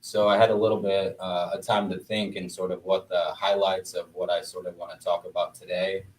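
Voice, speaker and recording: A man in his thirties from Bosnia, a guest entrepreneur speaking in a measured way with many pauses. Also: sits low, level tone. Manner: measured, lots of "uh" fillers. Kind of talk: casual interview chat. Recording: distant mic with faint noise.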